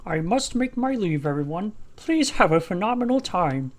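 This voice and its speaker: Woman doing a polite male train conductor, formal, cheery, game character, lively pitch. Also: normal speed. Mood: courteous.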